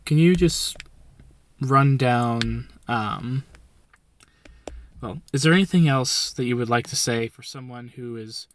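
A man's voice: medium pitch, slow pace, long pauses. A man hosting a podcast, easygoing, speaking straight to his listeners and guiding the talk. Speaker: podcast host. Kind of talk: casual podcast chat.

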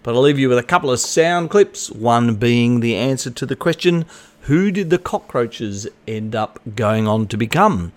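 A man with an Australian accent and a medium-pitched voice hosts a podcast. His style is casual and conversational. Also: expressive, normal speed. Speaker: podcast host. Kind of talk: casual hosting.

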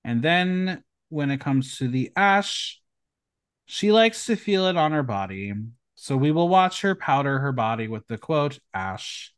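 This podcast host's voice is smooth, with lively intonation and a measured pace. He recaps a TV episode in a sarcastic, campy way, his pitch jumping abruptly at times.

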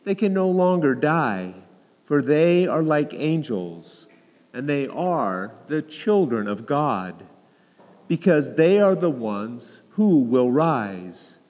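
A man reads scripture solemnly, as clergy do in a liturgy. His delivery is slow and deliberate, with a slightly high, very melodic pitch. The sound rings in a large reverberant hall. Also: big pitch swings, a little mellow. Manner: measured, deliberate phrasing. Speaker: clergyman reading the Gospel.

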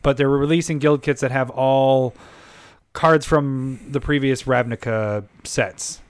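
Smooth-voiced man chatting casually. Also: medium pitch, steady tone, measured pace, no echo. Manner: laughs often, jokes around. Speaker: podcast co-host. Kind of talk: casual chat about card games.

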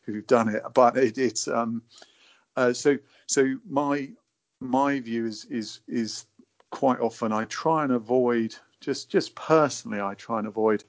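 A guest who advocates natural navigation speaks in an unhurried, medium-pitched voice, thinking aloud with hesitation and often repeating words as he works toward his point. He's in conversation indoors in a wooden cabin, and the lo-fi recording sounds dull and muffled.

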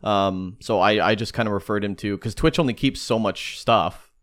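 A man co-hosting a casual podcast, rambling and animated, with lots of fillers and restarts. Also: fairly low pitch, normal speed. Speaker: podcast co-host. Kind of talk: casual chat.

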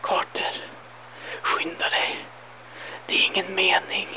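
An actor playing a desperate, doomed man who pleads in urgent, hushed whispers in a horror audio drama. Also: on the high side, steady tone, creaky, slight background noise.

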